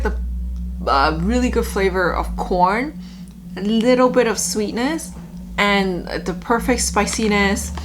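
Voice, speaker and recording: A woman giving a casual, halting taste-test review, with lots of filler words like "like". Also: mid-range voice, noisy background. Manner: halting, filler-heavy, frequent "like". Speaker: food review vlogger.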